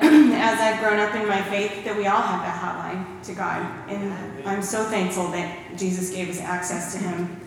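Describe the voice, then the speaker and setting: Recorded from far back in an echoing church hall with a little hiss or hum, a medium-pitched woman speaks warmly, recounting stories and citing scripture as part of her testimony.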